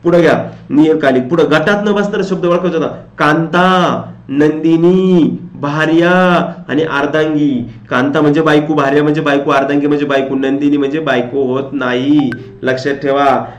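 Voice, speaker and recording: Echoey coaching teacher, higher voice. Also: male voice, steady tone, moderate pace, hardly any pauses. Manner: repeats questions back to students, addresses them as friends. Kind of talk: lecture going through exam questions.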